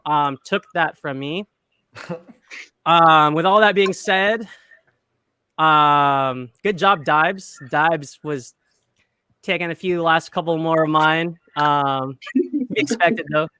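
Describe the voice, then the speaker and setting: A man's voice: a little high, takes it slowly, pauses often, pushed and bright, clear, resonant tone, dry recording. A man in casual chat, rambling enthusiastically with lots of fillers as he makes his pick. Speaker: draft participant.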